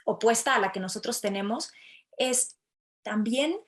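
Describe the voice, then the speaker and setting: Lady cohost, chatty and playful, kinda high voice. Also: expressive, measured pace. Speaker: podcast co-host. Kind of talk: casual podcast chat.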